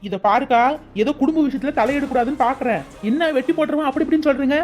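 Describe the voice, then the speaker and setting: A woman voicing a sharp-tongued neighbor who gives blunt warnings in a cartoon. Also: high-pitched, very fast, soft background music, natural voice. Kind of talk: cartoon dialogue.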